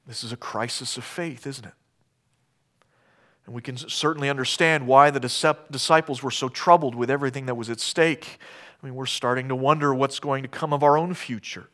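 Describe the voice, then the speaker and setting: A middle-aged male pastor preaching a sermon, shifting between hushed storytelling and loud, impassioned outbursts. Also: mid-range voice, fairly even intonation, a little fast.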